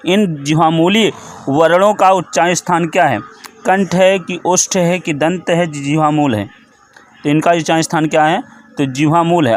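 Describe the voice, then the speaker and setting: Man slowly explaining grammar quiz answers. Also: on the high side. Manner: methodical, repeats answers and rules slowly. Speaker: Sanskrit grammar teacher. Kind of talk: exam quiz lesson.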